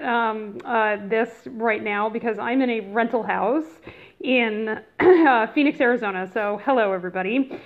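A woman hosting a casual educational podcast in a chatty, informal way, addressing listeners directly, recorded through headphones used as a mic. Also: on the high side. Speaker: podcast host. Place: room in a rental house. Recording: thin phone-like sound from headphone mic.

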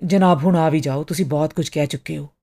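A woman voicing a polite young man who explains things haltingly, in an audiobook reading. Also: low voice, mellow. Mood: apologetic.

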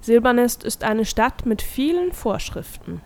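A woman's voice: fairly high pitch, lively intonation, measured pace. Woman reading a proud old creature gardener. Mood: proud fussy.

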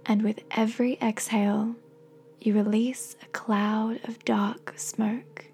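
Woman, meditation host, higher-pitched, soft and warm tone, slow encouraging delivery, soothing narration. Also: little pitch movement. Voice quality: soft, breathy.

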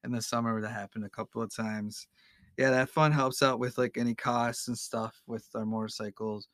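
A man's voice: mid-range voice, fairly even intonation, moderate pace, a bit bright, no room sound, studio quality. A man who is a podcast guest, talking casually and candidly with lots of fillers and restarts. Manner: hesitant, many fillers and restarts; candid, opinionated. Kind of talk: casual interview conversation.

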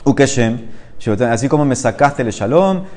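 A man leads a Talmud study class. He reads each Aramaic phrase slowly, then explains it in Spanish. He keeps asking his listener questions as he teaches. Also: mid-range voice, lively intonation, darkish tone.

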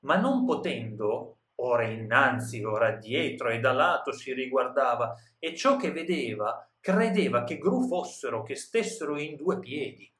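A man's voice: medium pitch, lively intonation, measured pace, hardly any pauses, fairly bright tone, echoey room. A man teaching literature, reading an old tale aloud and then retelling each passage in everyday words, often adding a questioning "no?". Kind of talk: reading and paraphrasing a classic tale for a lesson.

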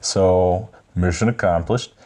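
Brief: low-voiced thirties man, relaxed rambling podcast co-host. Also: slow pace. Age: 30s. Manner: laid-back, rambling, hesitant with fillers. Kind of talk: casual chat.

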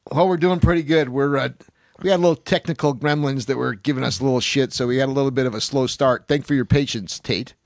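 A man's voice: mid-range voice, fast, no room sound, studio quality. A man in his sixties hosting a casual podcast, rambling through stories, swearing freely and acting out what people said. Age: 60s. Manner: rambling storyteller, swears freely, acts out quotes. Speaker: podcast host.

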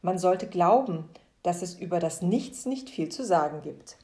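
A woman narrates a whimsical children's tale with a soft, warm tone. Her voice sits low and mellow. She brings quick bursts of liveliness to the characters. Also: animated. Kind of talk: storybook reading for children.

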